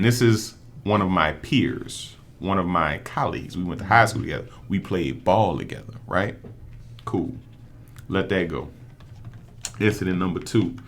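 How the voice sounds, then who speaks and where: Deep gravelly New man. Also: a bit bright, slight background noise. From New Orleans. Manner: laid-back storytelling, street slang. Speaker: prosecutor and judge candidate. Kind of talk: casual podcast conversation.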